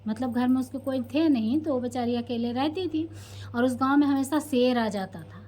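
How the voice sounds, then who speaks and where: High-voiced chatty woman vlogger. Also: normal speed, dark tone. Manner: chatty, addresses viewers directly. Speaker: vlogger telling a story. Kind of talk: casual storytelling.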